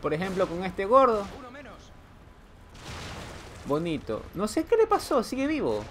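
High-pitched, lively let's play commentator. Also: male voice, unhurried, a little hiss or hum. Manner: joking running commentary with sudden yells; teases the game character. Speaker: gameplay commentator.

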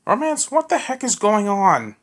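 A young man voicing an upbeat young male cartoon character for a fan skit, loud and eager. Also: on the high side, lively intonation, a little fast. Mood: annoyed.

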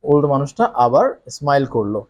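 An English teacher with a darkish, medium-pitched voice walks the listener through reading a story aloud. Lines come slowly and with exaggerated expression, and he regularly checks in using tag questions.

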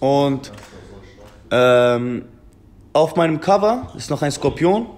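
His voice sits on the high side, a little mellow, with lively intonation and a slow delivery. This twenty-something rapper from Germany talks earnestly during a casual phone video call from an indoor table, calling the interviewer "Bruder" repeatedly.

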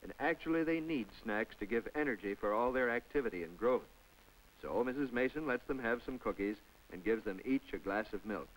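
This is a rough recording of a man with a mid-range voice narrating a public information film. His voice-over is scripted yet chatty, full of folksy asides to viewers, and faint music plays on the old film soundtrack.

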